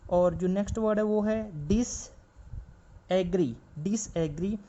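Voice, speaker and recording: Slow, patient male shorthand teacher. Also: high-pitched, mellow. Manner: slow and patient, repeats each word several times. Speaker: stenography teacher. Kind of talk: shorthand lesson, explaining while writing. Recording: slightly dull lo-fi recording with faint background noise.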